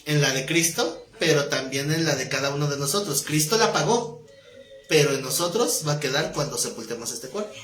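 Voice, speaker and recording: A man teaching a Bible study class, keeping it conversational and quizzing his students with quick questions. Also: a little high, expressive, a bit bright. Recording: roomy echoing classroom.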